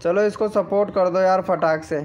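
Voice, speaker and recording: Here a live stream host with a Hindi accent talks casually to his audience, reading out viewer names and comments and plugging channels. His voice is high-pitched and darkish, with fairly even intonation and a moderate pace. Faint background music can be heard.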